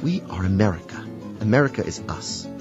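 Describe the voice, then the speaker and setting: A male announcer giving a scripted public service ad in measured, declarative phrases, heard taped off the radio. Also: fairly low pitch, expressive. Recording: dull radio broadcast with music under it.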